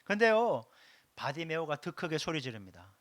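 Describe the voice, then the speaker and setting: A man delivers a Sunday sermon in a high, bright voice that swings widely in pitch. He preaches emphatically and hammers key phrases through repetition. His questions go straight to the congregation, and the sound is close and dry. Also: big pitch swings, normal speed, no room sound. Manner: asks the congregation direct questions. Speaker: pastor.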